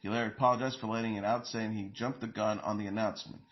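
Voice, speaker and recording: A man reads entertainment news as host, his voice sitting low. He carries quotes in the same plain tone, tripping now and then on a word. The recording sounds dull and lo-fi. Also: fairly even intonation, fast talker, a little hiss or hum.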